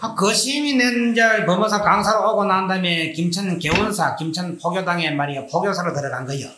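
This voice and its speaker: A man's voice: high-pitched, brisk. A man with a Gyeongsang accent, a Buddhist monk giving a dharma lecture, telling anecdotes and acting out their dialogue. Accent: Gyeongsang Korean. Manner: animated storytelling, acting out dialogue. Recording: echoey room, faint hiss.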